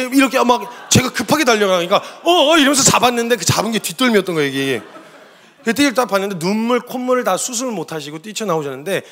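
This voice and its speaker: A man preaching as a missionary, telling a story with lively delivery and sudden shouted quotes. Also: high-pitched. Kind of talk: sermon testimony.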